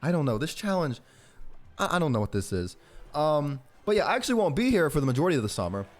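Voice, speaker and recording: A man's voice: on the high side, very animated, fast talker. A man in his early twenties from Georgia in the southern US, with an American accent, chatting informally and rambling as he commentates on a game. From Georgia, southern United States. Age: early 20s. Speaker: gaming YouTuber. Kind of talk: casual gameplay commentary with personal chat.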